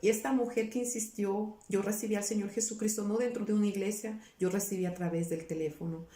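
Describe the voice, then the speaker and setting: A woman gives an earnest, emotional personal testimony, often repeating her words and quoting her own past pleas. Her warm, mid-range voice stays steady and brisk, recorded in a roomy space somewhat distant from the mic.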